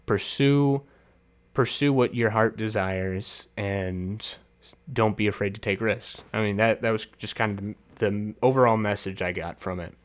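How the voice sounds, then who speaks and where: A man's voice: fairly low pitch, measured pace. A man hosting a casual solo film review, chatty and laughing often, with many fillers and restarts.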